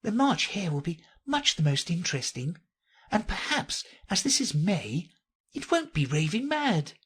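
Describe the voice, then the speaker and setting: A woman's voice: lowish voice, sing-song, measured pace, slightly rough, pitched above the performer's own voice, full character voice. A woman voicing a polite, puzzled little girl from a children's storybook, earnest and a little timid.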